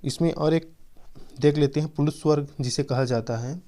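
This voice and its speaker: Mellow-voiced man teaching exam questions. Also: fairly high pitch, steady tone. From Chhattisgarh, India. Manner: explains slowly and repeats key points. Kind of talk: quiz-style exam lesson.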